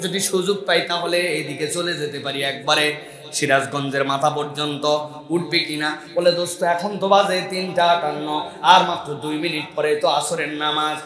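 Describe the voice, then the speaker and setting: A man preaching a sermon in the waz style, telling stories with acted dialogue and shouting rhetorical questions at his listeners, sometimes chanting in a sing-song way. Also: a little high, fairly even intonation, normal speed, echoey room. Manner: dramatic storytelling, voicing characters and shouting rhetorical questions.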